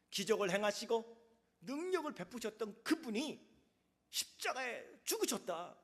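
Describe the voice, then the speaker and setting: Animated male pastor preaching in a hall. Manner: animated preaching, acts out dialogue with big swings of pitch and volume. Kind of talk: sermon. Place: church sanctuary. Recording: long hall reverb.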